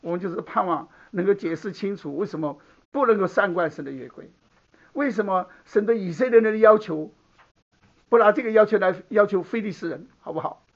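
A man whose voice sits high talks a little fast as he preaches from the Bible in a conversational teaching style. He regularly asks the room "好不好" to keep his listeners engaged, and the recording sounds dull and lo-fi.

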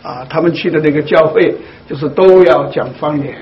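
A man leading a Bible study for his congregation, speaking slowly and deliberately with many hesitant fillers. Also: fairly high pitch. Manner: slow, deliberate, with frequent fillers. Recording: dull lo-fi recording, faint hiss.

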